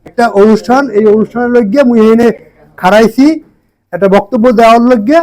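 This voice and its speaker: A man's voice: very high-pitched, moderate pace, darkish tone, rough recording. A man with a Barishal Bengali accent speaking briefly at an event.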